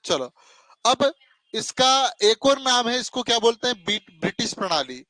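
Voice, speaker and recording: A man's voice: very high-pitched, big pitch swings, normal speed, bright, forceful tone, no echo, rough recording. A male teacher giving a classroom lecture, asking questions and answering them himself, calling students "beta" and correcting himself as he goes. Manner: corrects himself mid-explanation.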